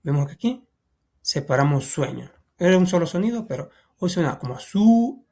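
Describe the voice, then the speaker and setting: A man explaining a textbook lesson. He talks casually, thinks aloud, keeps saying "va", and counts syllables out slowly, his voice trailing off softly. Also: on the high side, lively intonation. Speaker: teacher.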